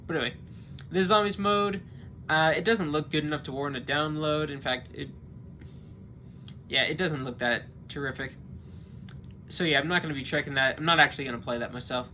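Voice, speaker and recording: A man's voice: on the high side, fairly quick, long pauses, pushed and bright, a little hiss or hum. A man hosting a casual gaming news update, rambling with lots of fillers and self-aware asides. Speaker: host.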